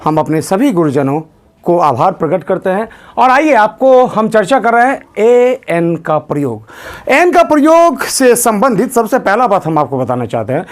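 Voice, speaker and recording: A man's voice: sits high, sing-song, normal speed. A man teaching English grammar, repeating questions and calling on students to answer aloud. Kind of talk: classroom lesson.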